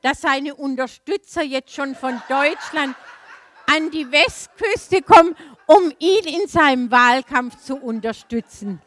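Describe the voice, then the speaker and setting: Lively German woman preaching with anecdotes. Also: sits high, slow, slight background noise. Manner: lively storytelling, laughing asides. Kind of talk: sermon with personal anecdote.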